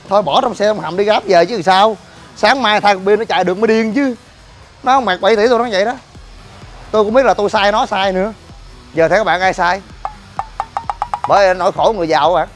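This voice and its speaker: A man vlogging next to his car, talking in a casual, exasperated and joking way, full of slang. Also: high voice. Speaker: vlogger and gym owner. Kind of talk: casual complaining vlog. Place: outdoors by a car at a gym.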